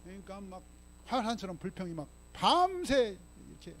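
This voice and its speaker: A pastor delivers a forceful sermon in a church sanctuary, his high-sitting, slightly bright voice swinging widely in pitch at a moderate pace. He reads scripture with force and keeps nudging the congregation with rhetorical "응?" and "예?" and other frequent questions.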